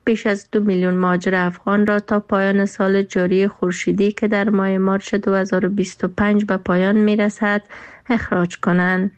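A woman's voice: mid-range voice, little pitch movement. A woman reads a scripted news report in a slightly dull recording.

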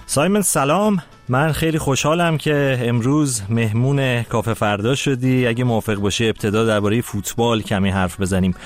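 A male talk show host with a low voice asks friendly, welcoming questions. Faint music plays beneath his words.

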